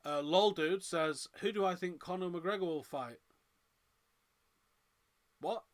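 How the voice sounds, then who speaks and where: A man's voice: high voice, slow pace. A man with a Manchester accent hosting a live fight watchalong, giving chatty reaction commentary and reading out viewer comments. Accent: Northern English, Manchester. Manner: chatty, reads out viewer comments, gets loud and excited at big moments.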